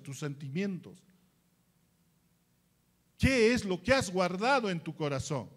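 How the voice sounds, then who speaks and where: A male pastor with a Peruvian Spanish accent preaching a sermon slowly and emphatically, often asking rhetorical questions. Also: high voice.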